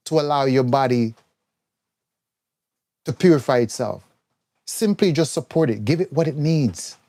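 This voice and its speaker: Man, dark mellow voice, blunt, preachy, scolding health coach. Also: medium pitch. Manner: mimics others in quoted voices. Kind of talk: live-stream monologue.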